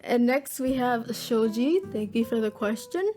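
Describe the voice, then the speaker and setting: A woman's voice: a little high, lively intonation, measured pace, dark tone. An upbeat woman, chatting casually through a Q&A vlog as a gaming YouTuber, with a slangy style. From Florida, USA. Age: 20s. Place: at home at her computer.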